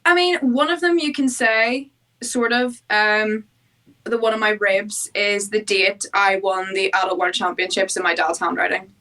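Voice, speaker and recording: A woman's voice: mid-range voice, fairly even intonation, unhurried, pushed and bright, far from the mic, low-quality recording. A woman from Northern Ireland with a Northern Irish accent, a podcast guest giving short, laughing answers.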